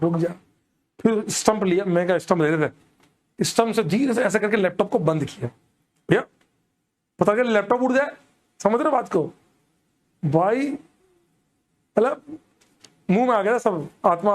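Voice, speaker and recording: A young man, telling a comic story in an animated way and keeping checking that the audience follows. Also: very high voice. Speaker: stand-up comedian. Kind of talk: storytelling comedy.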